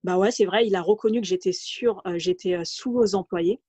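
Over dull, lo-fi video call audio from a home room, a woman in her thirties from around Paris narrates her professional journey, stumbling through fillers and restarts. She speaks at normal speed in a medium pitch, her tone darkish and slightly rough, without echo.

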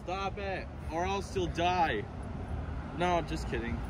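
A man's voice: high voice, lively intonation, takes it slowly. Joking young-sounding man on a noisy street. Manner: joking, swearing banter. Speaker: vlogger. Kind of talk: casual chat.

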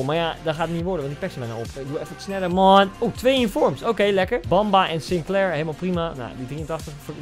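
A young man with a Dutch accent, commentating on a video game pack opening, swinging from flat muttering to loud outbursts. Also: a little high. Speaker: gaming YouTuber.

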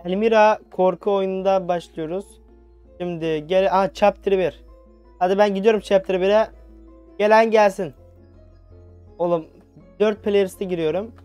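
A man's voice: high-pitched, a little mellow, clean tone. A young man commentating a horror video game he plays, nervous and jumpy, talking back to the game on a headset mic. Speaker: gaming channel host. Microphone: new headset mic.

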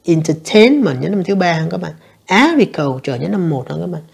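A woman teacher, going through an English exam answer by answer and reading the English lines slowly. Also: on the low side, gravelly, mellow, husky. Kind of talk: exam review lesson.

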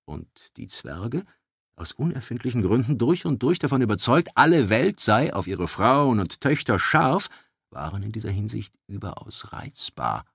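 Bright-voiced male audiobook narrator. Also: moderate pace, vocal fry, breathy edge, dry recording, studio quality. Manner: calm, low, even reading.

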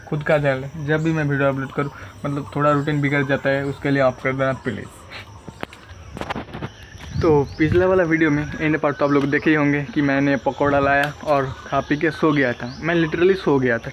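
Fairly high-pitched and steady, this young man talks fairly quickly in a rambling, casual selfie vlog. He's outdoors in a rural village holding his phone at arm's length, and the recording is noisy with insects and vehicles.

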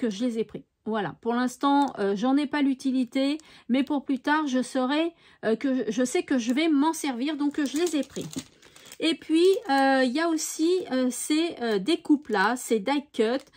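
A woman with a rather high voice talks casually to her viewers about her craft purchases. She chats along in a homely way, often pausing on little fillers as she goes. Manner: chatty, with frequent hesitations and "voilà". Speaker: craft vlogger. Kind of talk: casual haul show-and-tell.

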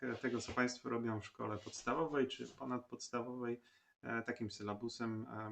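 A man with a gravelly, mid-range voice guides the listener through an online course setup. He speaks at an unhurried pace with frequent filler sounds, as in a recorded lecture tutorial. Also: mid-range voice, pushed and bright. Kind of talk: screen-recorded platform tutorial.

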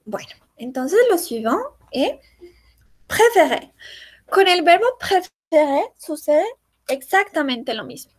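A woman teaching a French class, patiently explaining and repeating each example slowly. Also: sits high, big pitch swings.

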